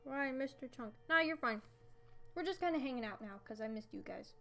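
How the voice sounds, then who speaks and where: A woman's voice: high-pitched, animated, fairly quick, vocal fry, fairly bright tone. A teenage girl chatting casually on a livestream from her bedroom, rambling with lots of fillers and giggles. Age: teens. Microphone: streaming desk mic. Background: game soundtrack music playing faintly.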